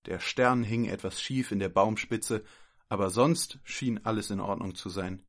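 A man calmly reading a children's story aloud as narrator. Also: lowish voice, measured pace.

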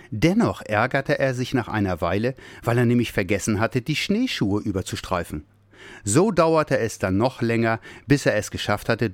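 Male reader for a kids story, lowish voice, very animated, dry close sound. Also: no echo. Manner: expressive, lively storytelling. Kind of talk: scripted narration of a children's story.

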